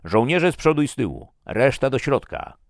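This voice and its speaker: A man voicing a male army commander who shouts orders in an audiobook reading. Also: mid-range voice, sing-song, moderate pace, no echo, studio quality, pitched above the performer's own voice. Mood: commanding.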